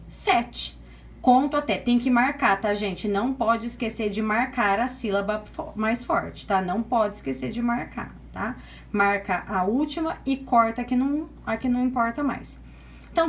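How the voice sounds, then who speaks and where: A Brazilian woman teacher explains a lesson step by step, counting aloud and checking in with "tá?" after nearly every point. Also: a little high. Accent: Brazilian Portuguese. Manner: patient, step-by-step, frequent "tá?" checks. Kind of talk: online class lecture.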